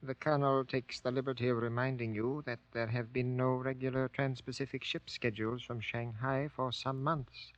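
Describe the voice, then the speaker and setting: Actor as guarded, formal army sergeant, medium pitch. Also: male voice, little pitch movement, dry recording, natural voice. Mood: guarded, polite. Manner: formal, careful, deliberate diction. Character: American-born Japanese army sergeant, guarded, courteous envoy. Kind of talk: grave 1940s radio war drama acting. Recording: dull old 1940s radio recording.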